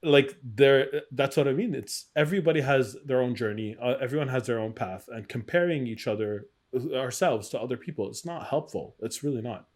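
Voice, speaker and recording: A middle-aged game designer born in Iraq speaks candidly as an interview guest, in a conversational manner with an ordinary male pitch and a darkish tone. He talks briskly with hardly any pauses, retelling experiences and doing the voices of the people in them.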